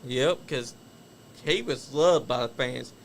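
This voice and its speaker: A man's voice: mid-range voice, takes it slowly, a little hiss or hum. A man hosting a casual wrestling talk show, commenting on old match footage in an opinionated, chatty way. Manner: chatty, opinionated, laughs at stories. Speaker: host.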